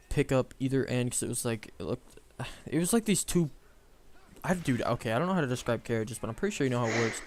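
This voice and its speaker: A man's voice: medium pitch, darkish tone. A young man casually telling a story on a chat show, rambling with lots of fillers and self-corrections.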